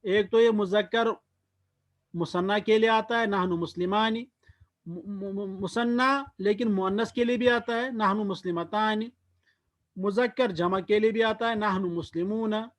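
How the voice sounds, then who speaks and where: A man teaching Arabic grammar in Hindi, saying each word form slowly and then explaining its meaning. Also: sits high, steady tone. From Kashmir, India. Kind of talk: slow spoken lesson drilling word forms.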